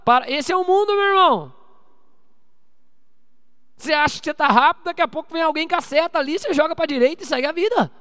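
A man preaching a sermon as pastor, calling on the congregation for amens and swinging between loud exhortation and quiet asides. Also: extremely high pitch, lively intonation, fast talker, pauses often, long reverb tail. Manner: preaching with call-and-response to the congregation.

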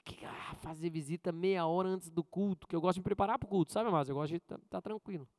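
A male pastor giving a conversational sermon with jokes and personal stories, often asking the congregation questions and swinging between loud high bursts and quiet asides. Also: fast talker, no room sound.

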